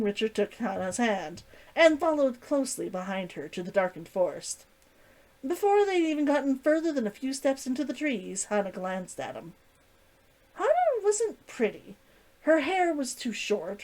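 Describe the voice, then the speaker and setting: A woman narrating a novel aloud in an expressive, dramatic storytelling manner. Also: medium pitch, poor audio. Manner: animated, dramatic reading. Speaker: streamer reading a novel aloud.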